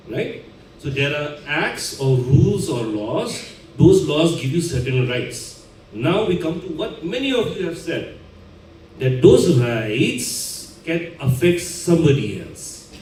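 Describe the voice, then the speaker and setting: A man's voice: fairly high pitch, mellow, a little hiss or hum. Man lecturing in an echoey classroom. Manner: asks the class questions, checks understanding with "right?". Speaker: teacher. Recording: echoey classroom recorded from far off.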